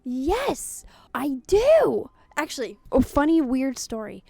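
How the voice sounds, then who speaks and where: A young woman with a high, mellow voice chats casually through a game as a streamer. She talks bluntly and swears freely, moving from one answer to the next. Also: wildly swooping pitch, slow pace, creaky, dry recording. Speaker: VTuber streamer. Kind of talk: casual gameplay commentary.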